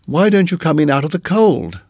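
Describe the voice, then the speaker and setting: A male storyteller pushes his voice up into a full character turn as a syrupy, fussy middle-aged landlady whose sweetness is unsettling. She coos every line in a lilting, overly pleasant way that never quite settles. His voice is a little high, very animated and fairly quick, darkish with a breathy edge, recorded dry and close with no echo.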